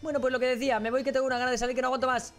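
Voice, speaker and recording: A man's voice: extremely high pitch, level tone, rapid-fire, a bit bright, faint music behind, pitched above the performer's own voice. A man voicing an eager young female trainer from a game, reading her lines in a gushing, enthusiastic way. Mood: excited.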